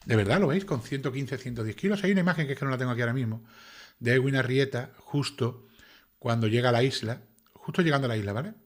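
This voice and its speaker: Brief: quick, sarcastic male commentator reading out a document and picking it apart, mid-pitched, indignant rhetorical questions. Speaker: YouTube commentator. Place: home desk with computer.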